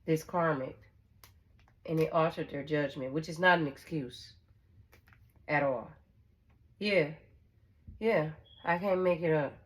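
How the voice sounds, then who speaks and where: A woman tarot reader with a notably low voice takes her casual reading slowly, leaving long pauses. Loose and conversational, she speaks bluntly, swears readily, loops back over her phrases, and keeps checking in with her viewers.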